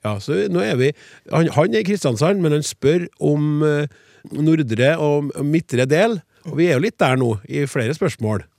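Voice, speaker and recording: A man's voice: on the high side, gravelly, no room sound. A man hosting a radio language show in a studio, reading listener questions and passing them to the panel. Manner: relaxed, reads listener letters aloud. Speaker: radio host.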